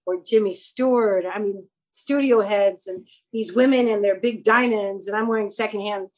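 A woman guest in a relaxed interview, spinning long, animated stories that jump around. She voices the people in them as she goes. Her pitch sits in an ordinary middle range. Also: normal speed, rough recording. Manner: animated, rambling anecdotes with quoted dialogue. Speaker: guest, actress and clothing store owner. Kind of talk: casual storytelling interview.

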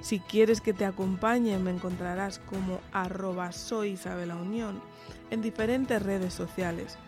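A woman's voice: medium pitch, steady tone, unhurried, over music. A woman with an accent from Spain giving an earnest, encouraging motivational monologue straight to the listener as a podcast host, speaking while sick with a sore throat. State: sick with tonsillitis and fever.

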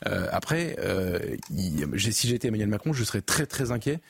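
A man's voice: on the low side, expressive, moderate pace, gravelly, slightly rough. A man on a TV debate panel, arguing critically about political reactions. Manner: critical, argumentative. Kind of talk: TV debate show.

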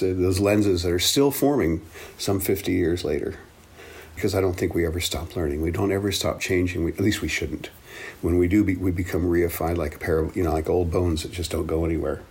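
An African studies professor in his seventies, originally from the Belgian Congo and a native speaker of English and Swahili, shares reflective personal stories as an interview guest. His low voice is gravelly and slightly rough, and his manner is earnest and thoughtful.

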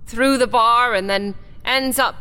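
A woman's voice: a little high, measured pace, pushed and bright, smooth, in a large hall. An actress playing a snobbish, officious woman in an improvised audio comedy, prim and self-important. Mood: eager.

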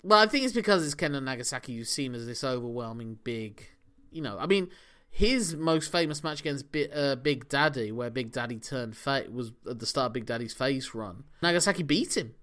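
A man's voice: mid-range voice, animated, normal speed, sharp tone. A man co-hosting a podcast, talking through wrestling matches in a chatty, analytical way with frequent laughs. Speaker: podcast co-host. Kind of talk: casual wrestling discussion.

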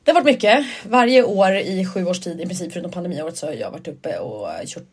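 Husky-voiced giggly woman co-host. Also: fairly low pitch. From Sweden. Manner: giggly, animated storytelling with playful exaggeration. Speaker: podcast co-host. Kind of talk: casual chat. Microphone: podcast studio mic.

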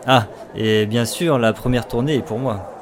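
A man's voice: medium pitch, moderate pace, noisy background, lightly acted. A man voicing a friendly, generous male half-elf adventurer with an easygoing way of talking. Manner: easygoing, affable.

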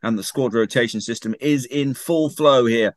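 A man's voice: medium pitch, moderate pace, no room sound, studio quality. A man hosting a casual football podcast, upbeat and jokey as he steers the chat, just back from being ill. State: just recovered from illness. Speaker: podcast host.

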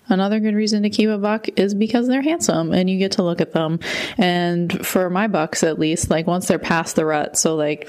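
A woman giving a casual solo podcast monologue, informal and rambling as she thinks aloud. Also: fairly low pitch. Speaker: podcast host.

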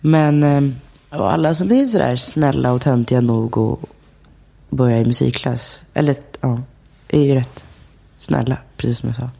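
A woman telling stories of her childhood in a relaxed interview, chatty, laughing often and full of fillers. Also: extremely low pitch, vocal fry, husky. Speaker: guest. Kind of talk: casual interview chat.

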